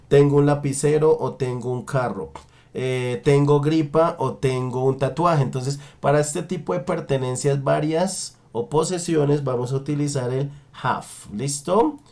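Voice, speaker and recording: A man teaching an English lesson, slowly drawing out example sentences and checking in with his students often. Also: mid-range voice, darkish tone. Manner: slow, drawn-out model sentences in English. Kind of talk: online language lesson.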